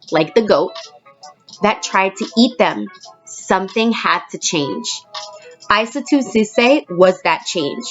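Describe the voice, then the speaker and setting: An elementary school teacher, a woman with a medium-pitched voice, reads aloud to children, talking to them directly, explaining words and asking questions along the way. The sound is lo-fi.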